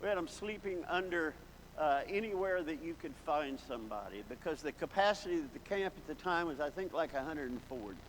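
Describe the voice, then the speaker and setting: A man's voice: fairly high pitch, lively intonation, a little fast. A man preaching a sermon, telling folksy stories from his past and building to emphatic exclamations. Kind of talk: sermon with storytelling. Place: large church hall. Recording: long hall reverb, faint background noise.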